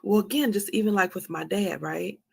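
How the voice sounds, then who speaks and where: Hosting a live talk about anxiety, a woman in her forties shares a frank, motivating testimony in a medium-pitched voice that's creaky and slightly rough. She speaks a little fast, hammering home phrases by repeating them.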